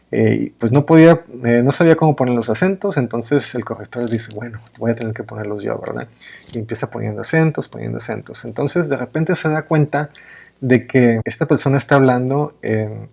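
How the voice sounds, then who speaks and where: Gravelly man teaching a recorded lesson. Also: mid-range voice, darkish tone. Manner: explains with everyday examples, often asks "verdad?". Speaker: writing workshop instructor. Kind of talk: pre-recorded lecture.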